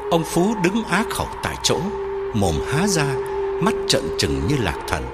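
A man narrating a ghost story in a dramatic, measured way. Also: a little high, huge pitch swings. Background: music.

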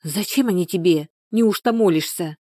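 A woman's voice: on the low side, normal speed, dark tone, no room sound, studio quality, natural voice. A woman voicing a fussy village neighbor who acts as midwife, scolding and fussing in a folksy way.

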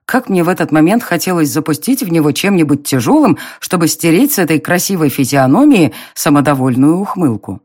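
An audiobook narrator reading a first-person story. The delivery is expressive and storytelling, with a pitch that moves up and down a lot. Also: a little fast, hardly any pauses.

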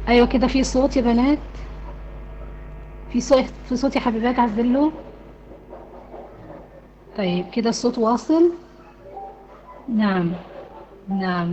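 A woman's voice: a little high, mellow, lo-fi sound. A woman with an Egyptian Arabic accent teaching an online Quran recitation class, asking her students questions and then answering them herself.

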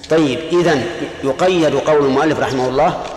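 A man's voice: fairly high pitch, quick pace. Man lecturing in an echoey hall. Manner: explains patiently, quizzes students. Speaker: teacher of Islamic jurisprudence. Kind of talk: classroom lecture.

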